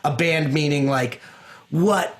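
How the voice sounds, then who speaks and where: A man with a fairly high voice teaches a casual online guitar lesson. He talks in loose, rambling explanations, full of fillers and restarts, and he comes through a video call. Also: slow. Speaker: music teacher.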